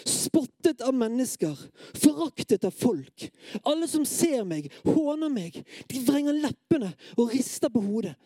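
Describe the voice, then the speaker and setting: A preacher giving a sermon who talks straight to the listeners with hesitant fillers, then reads scripture with dramatic, at times loud and pleading intensity. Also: sits high, very animated, hardly any pauses, dry recording, studio quality. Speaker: preacher at a worship gathering.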